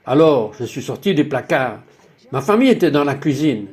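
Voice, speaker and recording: A man's voice: medium pitch, sing-song, moderate pace, darkish tone. A man narrating a dubbed personal testimony in an emphatic, exclaiming way, full of wonder.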